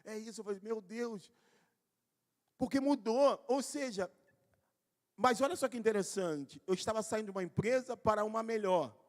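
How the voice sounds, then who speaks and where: A male pastor with a rather high voice, preaching live to his church. He tells his stories conversationally, addressing people by name, and pushes into shouted emphasis at key points. His voice rings with the long reverb of a church hall. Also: normal speed. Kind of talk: live church sermon, personal storytelling.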